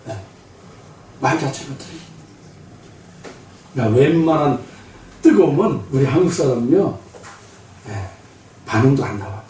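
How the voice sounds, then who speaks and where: A male pastor delivers a sermon with a lively, swooping voice that rises and falls a lot. He tells his stories with energy and acts out the people in them. The sound rings through a big echoey church, heard from a little away from the mic. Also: medium pitch, moderate pace, long pauses, recorded from a distance, a little hiss or hum. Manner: animated, acts out quoted voices. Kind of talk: sermon with humorous storytelling. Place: church sanctuary.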